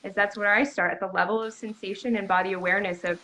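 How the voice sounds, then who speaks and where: A woman's voice: medium pitch, quick pace, low-quality recording. Earnest woman guest with faint background noise. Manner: earnest, emphatic, animated when retelling. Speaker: bodyworker guest. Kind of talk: casual conversational interview.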